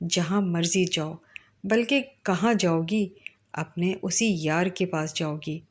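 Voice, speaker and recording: A woman voicing an angry young husband, read plainly in her own low voice as part of a storybook narration. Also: natural voice.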